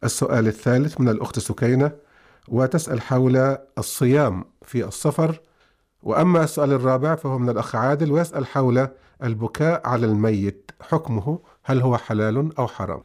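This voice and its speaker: A man's voice: medium pitch, quick pace, darkish tone. A man presenting a radio programme as its host in formal Standard Arabic.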